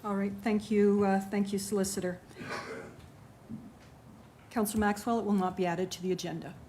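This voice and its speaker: Lady mayor running the council meeting, calm and by-the-book, bit of faint room noise. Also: mid-range voice. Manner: measured, procedural. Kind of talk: formal meeting chairing.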